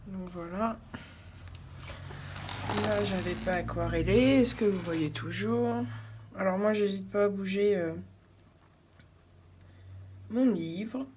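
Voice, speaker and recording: A woman narrating her coloring tutorial casually, soft-spoken and absorbed in her work, often murmuring to herself. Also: mid-range voice, slow pace, long pauses, background noise. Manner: absorbed, narrating each step as she works. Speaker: coloring video creator.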